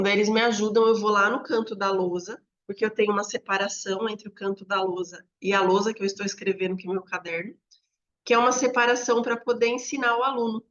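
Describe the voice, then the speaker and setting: A Brazilian woman training teachers, explaining classroom methods step by step in a conversational way, often checking in with a quick "né?". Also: mid-range voice, fairly bright tone. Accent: Brazilian Portuguese. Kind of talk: instructional talk to teachers. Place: home room near a street. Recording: slightly dull lo-fi audio.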